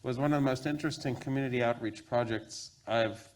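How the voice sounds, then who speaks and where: Man, academic panel speaker, medium pitch, voice through a face mask, wordy and careful. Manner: deliberate, wordy, with self-corrections. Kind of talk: considered, scholarly panel remarks.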